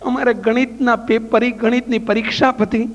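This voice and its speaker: A man's voice: extremely high pitch, level tone, normal speed. A man, a monk preacher, giving a devotional sermon with folksy anecdotes, asking rhetorical questions and repeating phrases. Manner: storytelling, folksy. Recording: echoey hall, dull lo-fi sound.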